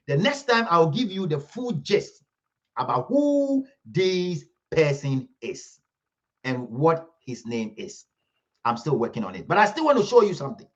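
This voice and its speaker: A man's voice: sits high, a bit bright, lo-fi sound. A man hosting an online commentary livestream, talking emphatically, repeating himself and pleading with viewers.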